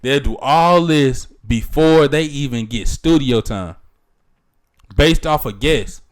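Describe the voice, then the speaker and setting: A man's voice: mid-range voice, slow. A young man co-hosting a podcast in casual chat, emphatic and teasing, leaning on catchphrases like "you feel me". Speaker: podcast co-host.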